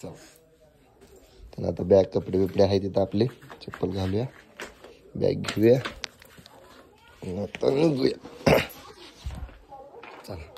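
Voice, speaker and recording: A young man, vlogging in a casual, chatty way and teasing with gentle coaxing, first at home and then outdoors on the road. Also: low voice, takes it slowly, creaky, pauses often, slight background noise. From Kolhapur region, India. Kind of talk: casual vlog talk to camera.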